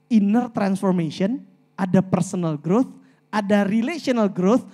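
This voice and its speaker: A woman giving a lively faith talk to a community gathering, talking fast, pleading with listeners, telling stories and slipping into English phrases. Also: medium pitch. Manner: pleading and storytelling. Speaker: community speaker. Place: meeting hall.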